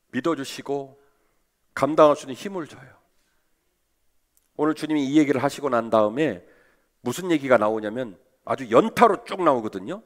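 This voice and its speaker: A man preaching a sermon as pastor, lively and asking his listeners rhetorical questions. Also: on the high side. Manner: animated, asks the congregation rhetorical questions.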